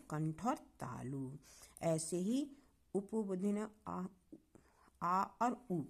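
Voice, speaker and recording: A woman teaching a grammar lesson online, explaining patiently, sounding out syllables slowly and asking the class questions. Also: fairly low pitch, a little mellow.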